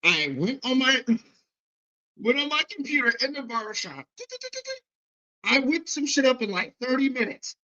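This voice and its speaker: A man on a livestream telling a story from his own life in a casual, animated way, swearing freely and restarting often. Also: very high-pitched, normal speed, pauses often, muffled recording. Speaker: guest.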